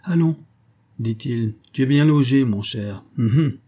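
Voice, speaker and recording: A man's voice: medium pitch, unhurried, mellow, lightly acted. A man voicing a sardonic, insolent male drifter in his mid-thirties, mocking and pushy. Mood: sneering.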